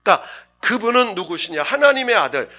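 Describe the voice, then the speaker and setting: A man's voice: sits high, very animated, brisk, sharp tone, highs cut off. A man preaching a Wednesday sermon as a pastor, stressing words and leading the congregation in reading scripture aloud. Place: church sanctuary.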